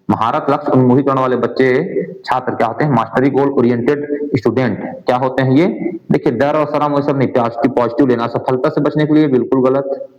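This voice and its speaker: A male coaching teacher working through exam answers in Hindi, mixing in English terms and asking his class questions that he answers himself. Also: medium pitch. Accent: Hindi, sprinkled with English exam terms. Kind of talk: answer-key lesson walkthrough. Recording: dull, roomy lo-fi sound.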